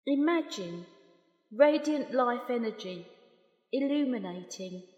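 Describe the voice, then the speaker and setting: A woman slowly leading a guided meditation in a calm, soft, unhurried voice with long pauses. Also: on the high side, dull audio. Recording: roomy long reverb.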